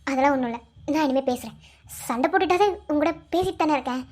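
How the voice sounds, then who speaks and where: A woman with a Madurai Tamil accent voicing a sharp-tongued young woman who teases and scolds her boyfriend. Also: high voice, fast talker, close to an everyday voice. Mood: scolding. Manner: teasing, scolding, mocking.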